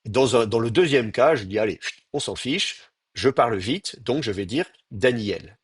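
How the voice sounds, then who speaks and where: A man lecturing a class, explaining step by step and often pausing on fillers as he sounds out words. His voice is a little husky and swings widely in pitch. The sound is close and dry. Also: lively intonation, no room sound. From France. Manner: explains patiently, hesitant fillers, demonstrates pronunciations aloud. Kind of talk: university lecture.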